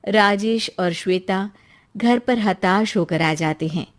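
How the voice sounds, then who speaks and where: A woman narrating a cartoon story in a steady, scripted way. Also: medium pitch, slow pace.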